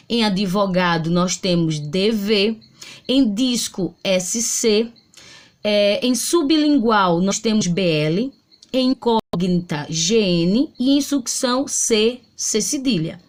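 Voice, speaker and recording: A woman's voice: mid-range voice, expressive, takes it slowly. A woman teacher giving a home video grammar lesson, explaining step by step and sounding out syllables.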